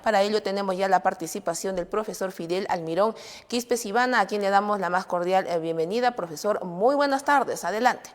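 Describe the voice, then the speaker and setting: A woman's voice: medium pitch, brisk. Woman presenter in a reverberant hall. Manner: formal, introduces guests. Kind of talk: live broadcast hosting.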